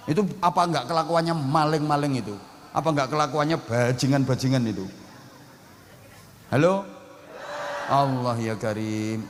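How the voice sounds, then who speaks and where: Blunt joking Javanese preacher, echoing. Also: male voice, medium pitch, a little hiss or hum. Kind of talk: humorous sermon. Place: outdoor religious gathering.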